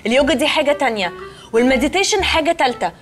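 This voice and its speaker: Over soft background music, a sitcom actress speaks in a high, animated, rapid-fire voice with an Egyptian Arabic accent. Her character is a snooty, fussy young woman with pretensions, sprinkling English words throughout.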